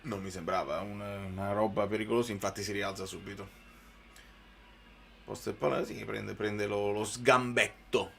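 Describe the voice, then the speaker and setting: A man's voice: lowish voice, fairly even intonation, moderate pace, creaky, fairly bright tone, slight background noise. A man giving live football commentary mixed with informal, conversational chat to viewers.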